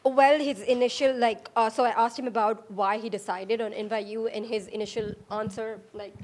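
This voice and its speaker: A woman student with a slightly high voice reports back in class. She is hesitant and fills her speech with pauses and fillers. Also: steady tone, darkish tone, slight background noise.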